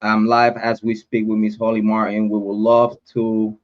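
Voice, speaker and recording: With a lowish, monotone voice and audio whose highs are cut off, a Puerto Rican livestream host chats casually. His first language is Spanish; he rambles, stretches things out with fillers and swears now and then.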